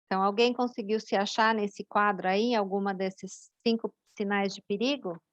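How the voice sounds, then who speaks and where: A woman, leading a church women's group discussion and gently inviting others to speak. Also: medium pitch, steady tone, normal speed, dry recording, highs cut off. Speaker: group leader.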